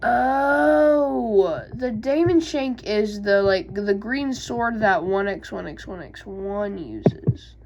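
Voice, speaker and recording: A young woman vlogging about game lore, halting with many ums, reading passages and then explaining them in her own words. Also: medium pitch, expressive, a little mellow, a little hiss or hum. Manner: hesitant, many ums and restarts. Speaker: gaming YouTuber. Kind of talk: casual vlog and lore reading.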